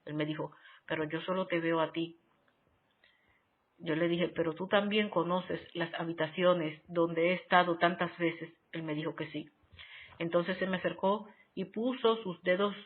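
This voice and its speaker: A narrator reading a spiritual diary aloud in a measured, solemn, devotional way with long pauses. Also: medium pitch, steady tone. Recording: tinny phone-like sound.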